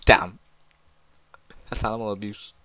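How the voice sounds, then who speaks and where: A man's voice: lowish voice, fairly even intonation, unhurried, pushed and bright, no room sound. A man casually chatting and joking while playing a video game, laughing often. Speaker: podcast co-host. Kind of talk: casual chat over gameplay.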